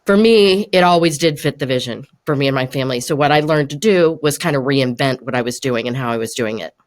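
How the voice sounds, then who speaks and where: A woman's voice: a bass voice, fast. Encouraging older woman coach. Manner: encouraging, laughs often mid-sentence. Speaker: podcast host and coach. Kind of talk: conversational coaching chat.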